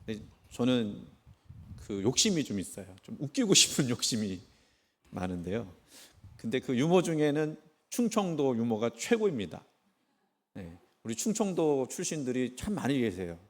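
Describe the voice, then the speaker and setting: Lively-voiced middle-aged pastor telling jokes. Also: male voice, medium pitch, normal speed. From Chungcheong, Korea. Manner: humorous storytelling, asks the congregation questions. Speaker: senior pastor. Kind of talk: sermon. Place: church sanctuary.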